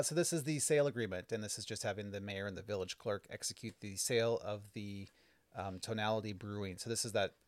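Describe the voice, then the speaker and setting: Male podcast host at home, low dry voice, relaxed explanatory recap of local board meetings. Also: no room sound. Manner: explanatory, chatty, many fillers. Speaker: village trustee and podcast host. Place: home, kids and cats in the house.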